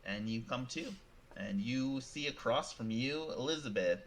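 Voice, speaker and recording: A man runs a tabletop game as game master, describing scenes in a halting way that repeats words. His voice is bright and clear at an average pitch, with faint noise under it.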